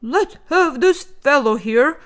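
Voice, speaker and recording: A woman voicing a jolly, commanding old male Santa in a storybook, with grand, loud delivery. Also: sits high, lively intonation, slow pace, pitched above the performer's own voice, full character voice. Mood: jolly, inviting.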